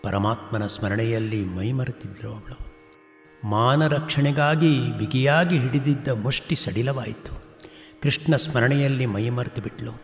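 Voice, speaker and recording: A man's voice: medium pitch, fairly even intonation, measured pace. A man giving a devotional discourse, telling a sacred story dramatically and voicing a heroine's pleading prayers. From Karnataka, India. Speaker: pravachana speaker. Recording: roomy reverb with soft music.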